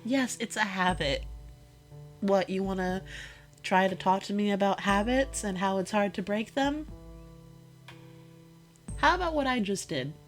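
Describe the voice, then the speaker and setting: In an intimate one-sided audio roleplay, a woman plays a hurt, exasperated girlfriend confronting her boyfriend, speaking emphatically and haltingly and repeating herself. Her voice is natural and medium-pitched, with soft music in the background. She sounds exasperated and accusing.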